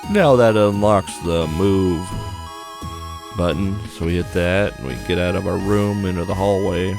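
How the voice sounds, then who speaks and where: His voice sits low with some vocal fry, and he keeps a measured pace as he hosts the gaming video. The commentary is casual and plainspoken, including readings of the story text on screen, and game music runs underneath.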